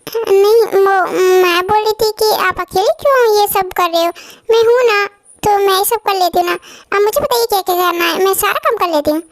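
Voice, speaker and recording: Woman playing a soft-spoken young bride in a fan dub, very high voice, dry sound. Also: fairly quick, no room sound. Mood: eager. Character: sweet, eager young wife.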